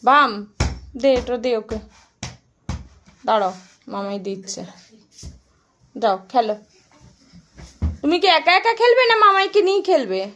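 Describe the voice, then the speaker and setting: A young woman with a Bengali accent filming her small son for a family vlog, coaxing him in a playful sing-song and dropping to hushed asides. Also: sits high, animated, unhurried, long pauses, a little hiss or hum. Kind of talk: casual family vlog narration and talk to a child.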